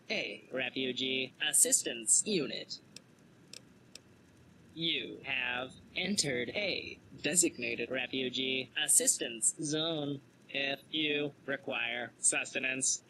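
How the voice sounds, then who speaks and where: A man's voice: mid-range voice, bright, forceful tone, slight background noise, heavily acted, rough recording. A man voicing a male refugee-aid robot that talks in stiff, clipped machine announcements while running computer processing. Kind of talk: game voice acting.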